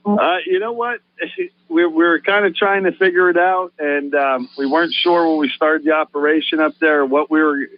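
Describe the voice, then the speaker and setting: A man's voice: fairly high pitch, moderate pace, no room sound. Man, fishing charter captain, radio guest, easygoing, filler-heavy, dry, dull lo-fi. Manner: easygoing, explains at length with many fillers. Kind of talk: casual radio interview. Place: radio studio.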